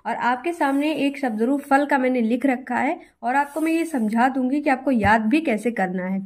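A woman's voice: sits high, moderate pace. A young adult woman teacher giving an exam-prep grammar lesson, talking straight to her students and reassuring them as she repeats each step. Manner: reassuring, repetitive, addresses students directly.

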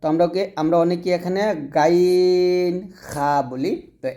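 A man with a dark, mellow tone gives a lesson on pronouncing letters. He explains patiently and repeats each point, drawing out the letter sounds as he demonstrates them. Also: high-pitched, fast. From Bangladesh. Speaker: Quran reading teacher.

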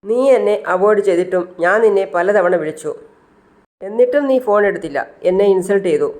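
A woman's voice: mid-range voice, brisk, darkish tone, close to an everyday voice. A hurt young woman in a retold television drama, pressing her friend with one reproachful question after another, as a narrator puts her on. She pleads and scolds in an everyday voice.

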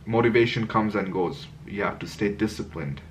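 A twenty-something vlogger with a lowish voice talks at normal speed to camera, with slight background noise in the recording. Unscripted and reflective, he rambles candidly in a curtained room at home, searching for words as he sorts his thoughts.

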